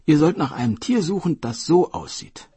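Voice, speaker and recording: A desperate sea dragon king, sick and frightened, his voice pushed high and loud as he begs and then barks orders, put on by a man. The tone stays husky and breathy. The sound is dry and close. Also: very animated, moderate pace, no echo, exaggerated voice. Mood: commanding. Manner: pleading, then commanding.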